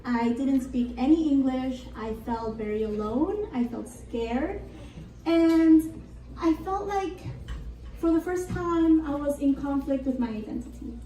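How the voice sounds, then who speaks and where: A woman's voice: high-pitched, unhurried, mellow. A young woman from Argentina, a native Spanish speaker, giving an earnest and reflective talk to a conference audience. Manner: earnest and reflective, with light laughs. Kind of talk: prepared motivational talk. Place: conference hall. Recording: roomy hall, voice from a distance.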